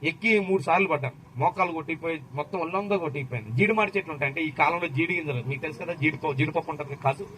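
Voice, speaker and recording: A man's voice: fairly high pitch, rapid-fire, hardly any pauses, a bit bright, slight background noise, low-quality recording. A man from Andhra Pradesh preaching an impassioned sermon, firing rhetorical questions at the crowd and calling out hallelujah. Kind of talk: fervent sermon.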